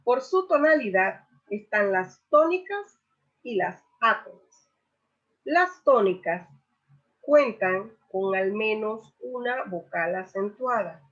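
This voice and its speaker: Slow-paced woman teaching a lesson. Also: medium pitch, animated. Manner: stresses example words loudly and repeats them. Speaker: Spanish teacher. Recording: dull lo-fi recording.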